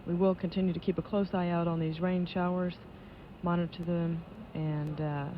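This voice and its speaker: A woman giving live launch control commentary as an official announcer, in a measured, matter-of-fact way. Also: lowish voice, level tone. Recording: dull lo-fi broadcast audio with noise.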